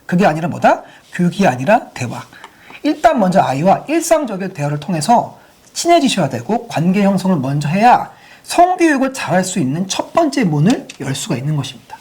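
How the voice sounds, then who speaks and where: A woman's voice: on the low side, big pitch swings, brisk, a little mellow, slightly rough. A woman giving a sex education lecture to parents, using many rhetorical questions to the audience.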